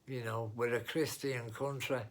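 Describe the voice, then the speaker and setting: Speaking at normal speed with a mid-range voice and fairly even intonation, a man rambles bluntly to his viewers in an unscripted political vlog, restarting and going off on asides.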